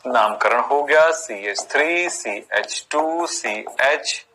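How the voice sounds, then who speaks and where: A man's voice: mid-range voice, animated, drawn-out words, sharp tone, slight background noise, rough recording. A man teaching a chemistry lesson, explaining step by step, counting carbons aloud and asking his students rhetorical questions. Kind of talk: classroom lecture on chemistry naming.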